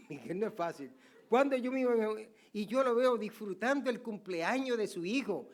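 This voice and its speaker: Older man, pastor, sermon, high voice, soft asides, loud emphatic peaks. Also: a little fast.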